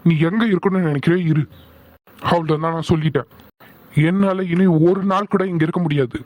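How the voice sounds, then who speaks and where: A man's voice: fairly high pitch, dry recording, natural voice. Man voicing curt defiant young husband. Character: angry young husband, stubborn office worker. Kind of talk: animated drama voice acting.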